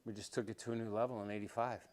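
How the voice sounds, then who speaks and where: An older man telling stories as an interview guest, rambling with fillers and restarts and growing animated as he goes. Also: on the low side, racing. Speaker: interview guest, former quarterback. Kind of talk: relaxed storytelling interview.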